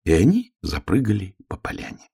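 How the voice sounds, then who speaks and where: A man narrating a children's fairy tale in an expressive, animated storytelling voice. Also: on the low side, a little fast, vocal fry, husky, dry recording, clean studio sound. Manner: animated, voices all the characters.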